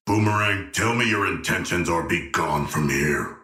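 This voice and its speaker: A man's voice: sits low, normal speed, sharp tone, echoey room. An actor playing a huge, earnest and naive shark-man royal in a video game, speaking in stilted, formal and solemnly literal language. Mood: bored, imperious. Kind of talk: scripted game character voice lines.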